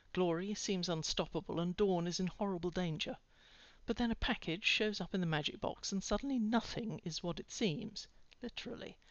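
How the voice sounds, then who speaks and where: Low-voiced woman reading a story. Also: dry recording. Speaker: audiobook reader. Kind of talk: reading fan fiction aloud. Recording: dry, slightly dull recording.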